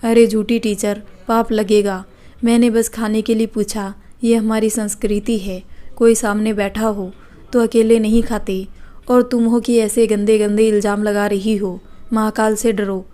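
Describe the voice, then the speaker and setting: A woman's voice: medium pitch, little pitch movement, measured pace, mellow, natural voice. A woman voicing a playful young man who teases and jokes nonstop in a storybook tale. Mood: teasing. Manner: cheeky, joking banter.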